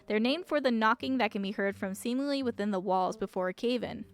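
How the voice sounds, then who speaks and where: A woman game streamer reads visual novel text aloud over background music. Her voice is a little high and her delivery a little fast.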